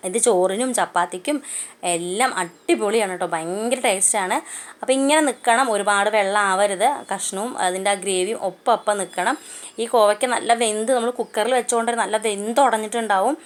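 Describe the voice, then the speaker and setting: This is casual cooking vlog narration from a female channel host with a Malayali accent who speaks rapidly at a mid-range pitch. Chatty and homely, she guides viewers through a home recipe with frequent "kettō" asides, filmed on a phone in her home kitchen.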